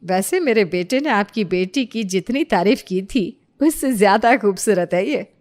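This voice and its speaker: A woman's voice: mid-range voice, lively intonation, normal speed, a little mellow, close to an everyday voice. A woman voicing a stern middle-aged mother-in-law who scolds and gives orders. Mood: pleased. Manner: commanding, scolding.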